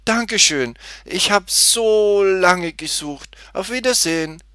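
Male narrator doing a bright, excitable little girl for a storybook; high, bouncy, chirpy. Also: unhurried, no room sound, studio quality, exaggerated voice. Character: cheerful little girl Tutti. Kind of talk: storybook reading.

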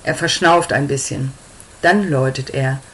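Low-voiced woman reading a story. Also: moderate pace, poor audio. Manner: calm, even reading. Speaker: narrator.

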